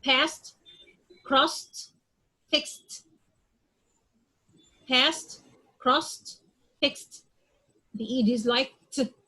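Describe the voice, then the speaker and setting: A woman with a high voice leads an English pronunciation lesson. She talks slowly and patiently, repeating each example word several times and stopping often to ask if the class understands. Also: sharp tone, low-quality recording. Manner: drills word sounds aloud one at a time. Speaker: English teacher.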